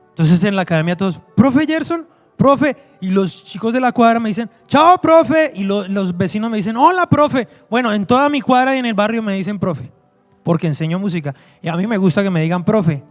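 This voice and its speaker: A man preaching a sermon to his church, emphatic and repetitive, acting out quoted voices. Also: high voice. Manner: emphatic, repeats phrases, acts out quoted voices.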